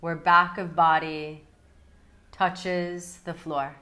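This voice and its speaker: Her voice slightly low, a woman talks listeners through a relaxation meditation much like a yoga nidra teacher. The pace is very slow and calm, her soothing phrases spaced out by long, unhurried pauses.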